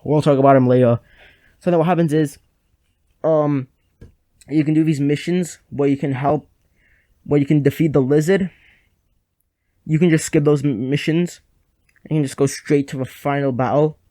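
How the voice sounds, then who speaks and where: A man's voice: a little high, fairly even intonation, normal speed, long pauses, dark tone, no room sound. A young man giving a rambling, sarcastic comedic game review at a home microphone. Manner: rambling, sarcastic, lots of fillers.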